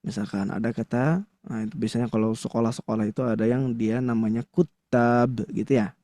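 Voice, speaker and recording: A man with a mid-range, dark-toned voice teaches a Quran recitation class to a live audience, speaking a little fast with fairly even intonation. He's chatty and conversational, packing his talk with fillers like a frequent "nah" and often pausing to quiz the room. There's no room sound on the recording.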